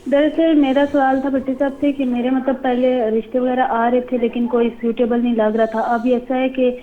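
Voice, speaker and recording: A woman's voice: high voice, little pitch movement. A woman in her twenties calling in hesitantly to ask for advice. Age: 20s. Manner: hesitant, uses fillers. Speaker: caller. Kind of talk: phone-in question. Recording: tinny phone line with faint hiss.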